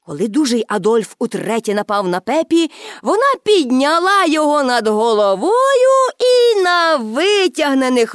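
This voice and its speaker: Lively woman reading a children's story. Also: sits high, dry recording, studio quality. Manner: lively and expressive. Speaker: narrator.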